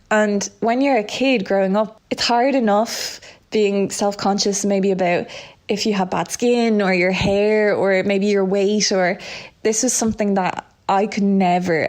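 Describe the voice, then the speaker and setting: A woman's voice: mid-range voice, a little mellow. A young Irish woman speaking candidly and reflectively as an interview guest, with frequent fillers and restarts. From Ireland.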